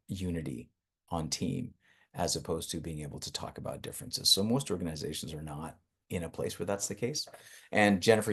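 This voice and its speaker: Man, facilitator, very deep voice, husky, measured, affirming, video call. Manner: affirming, measured, calls on speakers. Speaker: workshop facilitator. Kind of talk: facilitating a webinar.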